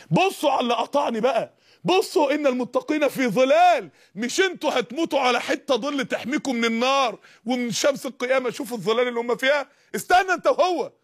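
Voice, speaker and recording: A man with an Egyptian Arabic accent preaching a fiery sermon, firing rhetorical questions and rising to shouts. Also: very high-pitched.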